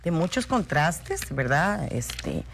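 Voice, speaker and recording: A woman, a theater actress telling personal stories as an interview guest, animated and acting out dialogue. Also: deep voice, slow pace, vocal fry, a little hiss or hum. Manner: animated storyteller, acts out dialogue, frequent "¿verdad?".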